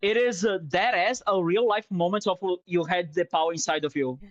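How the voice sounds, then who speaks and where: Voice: medium pitch, a little fast, no room sound, highs cut off. Rambling, profane streamer on a headset. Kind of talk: casual chat while drawing.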